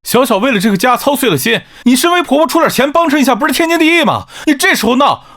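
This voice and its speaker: A spineless young husband in a short melodrama. He talks fast in an urgent, whiny and reproachful way, with a high, animated voice. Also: exaggerated voice. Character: spineless, self-serving young husband siding with his wife. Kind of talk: melodramatic short-drama acting.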